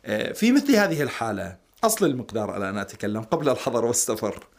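Male cleric doing religious q&a in formal arabic, talks fast, medium pitch, explains and repeats. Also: big pitch swings. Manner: explanatory, repeats key points.

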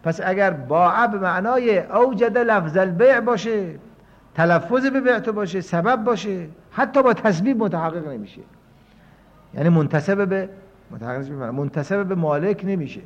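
A man teaching a scholarly lecture, reasoning aloud and moving between quiet stretches and emphatic points. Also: high-pitched. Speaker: seminary teacher. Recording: dull lo-fi lecture recording.

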